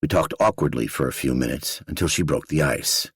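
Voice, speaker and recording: A man's voice: extremely low pitch, brisk, husky, dry recording, studio quality. A man narrating a first-person true crime audiobook in a blunt, gritty, profane storytelling manner.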